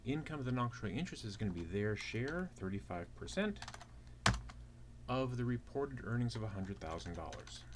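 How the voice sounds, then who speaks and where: There is keyboard typing in the clear background noise as a man, medium-pitched, expressive and a little fast, guides listeners through a worked problem. In his teaching-assistant role he explains each step and asks rhetorical questions.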